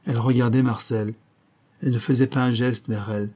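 A man narrating a novel as an audiobook in a measured, even storytelling manner. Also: medium pitch.

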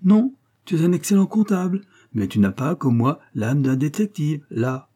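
A man's voice: fairly high pitch, animated, moderate pace, dark tone, slightly rough, voice pushed up. A man doing a pompous old would-be detective. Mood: pompous boastful. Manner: pompous, boastful, lecturing. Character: pompous doddering elderly gentleman playing detective.

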